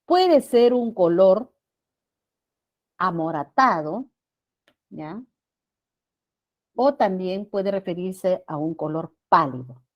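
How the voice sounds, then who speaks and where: Lively woman teaching a class. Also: lowish voice. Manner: addresses students with frequent checking questions; stretches words slowly for emphasis. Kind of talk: classroom grammar lesson.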